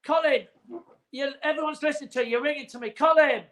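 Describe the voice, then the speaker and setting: A man's voice: extremely high pitch, fast talker, a bit bright. A man in his forties hosting a casual livestream chat from home, rambling and teasing. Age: 40s. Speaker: host.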